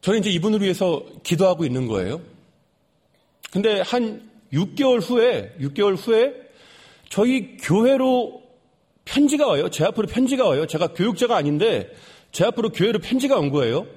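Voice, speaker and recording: A young man giving an earnest sermon testimony, repeating lines for emphasis and dropping soft at sad moments. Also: sits high, very animated, normal speed, breathy edge.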